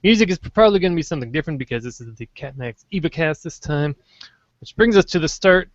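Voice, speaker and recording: A man hosting a loose, jokey podcast, his voice sitting a bit high and sounding dry and close. The recording is dull and lo-fi, and he rambles happily between bits. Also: lively intonation, quick pace, no room sound. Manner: joking, rambling, tries several silly intros. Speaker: podcast host. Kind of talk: casual podcast chat.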